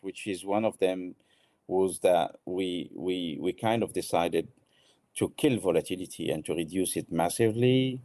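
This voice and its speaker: Middle-aged man from Morocco, deep mellow voice, halting reflective interview guest. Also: no room sound, clean studio sound. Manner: thoughtful, halting with many restarts. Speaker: guest, art exchange founder. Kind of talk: interview answers.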